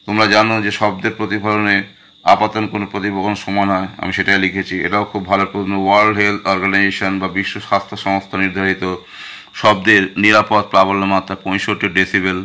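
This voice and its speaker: A man's voice: low voice, monotone, fast, bright, forceful tone. A man teaching a school physics revision lesson, going through questions one by one and speaking directly to his students. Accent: Bengali.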